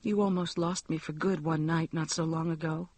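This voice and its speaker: A man's voice: on the high side, steady tone, moderate pace, darkish tone, no room sound, close to an everyday voice. A man voicing a distraught, pleading young wife.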